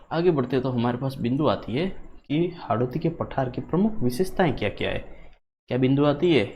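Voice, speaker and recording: A man teaching an exam-prep geography lesson, who keeps repeating points and asking the class questions back. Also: medium pitch. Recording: dull lo-fi sound, faint hum.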